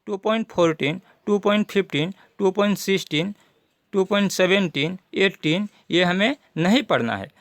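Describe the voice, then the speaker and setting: High-voiced man going over a syllabus. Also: a bit bright, no echo. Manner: methodical, repeats points for students. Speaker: teacher. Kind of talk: syllabus walkthrough lesson.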